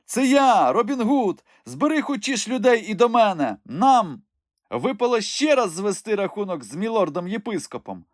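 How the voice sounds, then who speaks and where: A man's voice: sits high, sing-song, moderate pace, dry recording, studio quality, voice pushed up. A man voicing a bold, cheerful outlaw leader with a ringing, jaunty voice. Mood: urgent.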